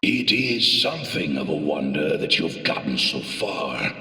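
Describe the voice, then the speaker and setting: An actor playing a menacing, megalomaniacal general in a video game, with a gravelly voice and a grandiose, sneering, deliberate delivery. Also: male voice, extremely low pitch, very animated, sharp tone, exaggerated voice. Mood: cold contempt. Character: menacing male general, megalomaniacal cold villain. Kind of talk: theatrical video game villain acting.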